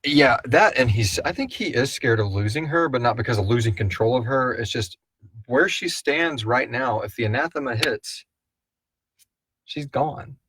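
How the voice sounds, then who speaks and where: Here the same kind of speaker, a Houston-area audio drama creator co-hosting a relaxed live Q&A, wanders through his answers to listener questions and hunts for the right words. His medium-pitched voice is expressive, fairly bright and husky at a normal speed, though the recording is rough.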